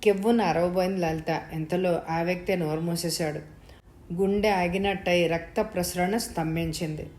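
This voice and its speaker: A woman narrating a novel episode in a calm, even storytelling manner. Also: on the low side, normal speed. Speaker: audiobook narrator. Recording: roomy echo.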